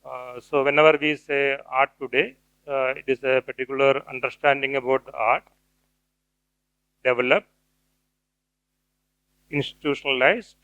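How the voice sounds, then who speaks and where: A middle-aged man giving an academic lecture, pausing often with fillers and restarts. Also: mid-range voice, level tone, fairly bright tone, dry recording, muffled recording. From India. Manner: hesitant, many fillers and restarts. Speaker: guest speaker, cultural theorist.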